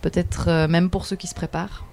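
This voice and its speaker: A woman talks as a guest in a casual radio interview. Her voice sits fairly low and sounds dark and mellow. She hesitates a lot, filling pauses with small sounds and chuckling now and then. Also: flat delivery, gravelly. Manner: hesitant, many fillers, laughs often. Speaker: theatre director, guest.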